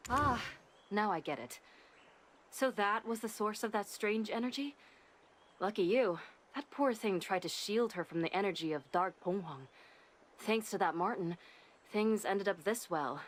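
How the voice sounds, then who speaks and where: A wry ancient fox spirit. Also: female voice, mid-range voice, animated, unhurried. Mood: musing. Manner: cool, dry, dismissive. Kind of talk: game cutscene voice acting.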